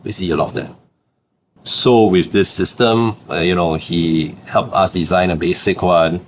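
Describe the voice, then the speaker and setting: His voice sits low with a steady tone at normal speed, and there's a little hiss or hum. This young Singaporean founder chats as a podcast guest, telling stories in Singaporean English, laughing a lot and dropping "lah" at phrase ends.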